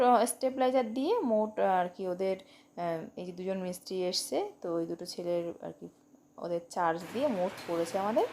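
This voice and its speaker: A woman's voice: medium pitch, darkish tone. A woman vlogging casually from her home, chatting directly to her viewers with frequent tag questions. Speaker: home vlogger and private tutor.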